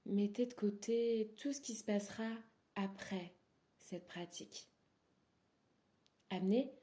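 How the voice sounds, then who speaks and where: A yoga nidra instructor, a woman with a medium-pitched voice, guides a meditation at a very slow pace. Her delivery is soft and soothing, with pauses between short phrases, and some phrase endings trail off into a breathy softness.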